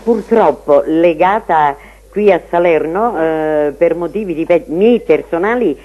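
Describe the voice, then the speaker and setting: A woman's voice: lowish voice, measured pace. A woman calling in to a radio show over the phone, chatting casually with the host in an easygoing way. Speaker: radio caller. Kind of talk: casual chat. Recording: muffled phone line.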